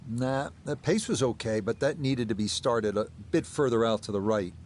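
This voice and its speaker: A man works as the lead golf commentator on a live broadcast. His mid-range voice delivers short, measured play-by-play calls. A light bed of ambient noise sits behind him. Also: mid-range voice, a little mellow.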